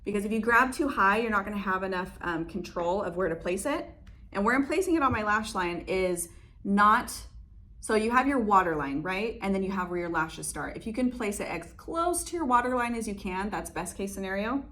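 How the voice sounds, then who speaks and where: A woman's voice: medium pitch, a bit bright. A young woman chatting casually through a lash-application tutorial in her salon, laughing often and using lots of fillers. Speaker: beauty vlogger.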